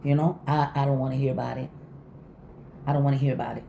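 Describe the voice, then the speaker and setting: A middle-aged woman vlogger talks candidly and casually to her viewers, emphatic, repeating phrases and acting out quotes. Her bass voice is fast, creaky, and mellow with little pitch movement, and faint background noise can be heard.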